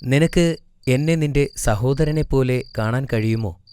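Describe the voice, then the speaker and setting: A man voicing a kind prophet who is a long-lost brother in a children's storybook, speaking gently. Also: mid-range voice, measured pace, slight background noise, lightly acted. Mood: tender. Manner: gentle, tender.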